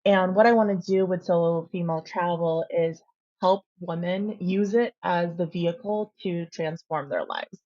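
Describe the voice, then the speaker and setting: Relaxed woman from the philippines, reflective interview answers, lowish voice, muffled lo-fi sound. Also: moderate pace. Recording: dull, lo-fi interview recording.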